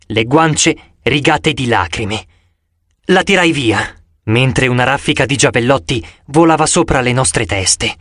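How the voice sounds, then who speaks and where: A man narrating an audiobook in the first person with a dramatic, expressive reading. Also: mid-range voice, no room sound, clean studio sound.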